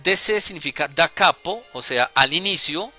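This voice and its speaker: Man, music lesson, very bright voice, faint music behind. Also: on the high side, expressive. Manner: deliberate, with hesitations and self-corrections. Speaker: music teacher. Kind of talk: explaining music notation.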